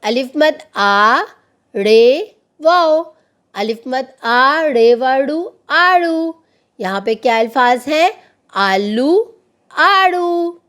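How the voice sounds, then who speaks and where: A woman teacher leads a children's reading lesson in a fairly high voice. She speaks slowly and stretches each vowel as she sounds out letters. She has the class repeat after her. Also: expressive.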